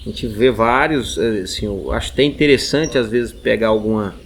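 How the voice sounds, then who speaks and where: A man's voice: lowish voice, normal speed, slight background noise. A man hosting a podcast, reflecting on topics and putting questions to his guest. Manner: reflective, asks questions and builds on the guest's points. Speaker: podcast host. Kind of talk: podcast interview.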